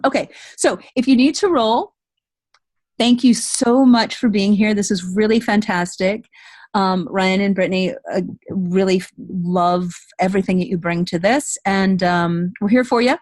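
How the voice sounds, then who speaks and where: Hosting a casual online session about her voice-over training program, complete with Q&A, a woman coach offers encouragement and repeats key points emphatically. Her medium-pitched voice is a little mellow, and there's no echo.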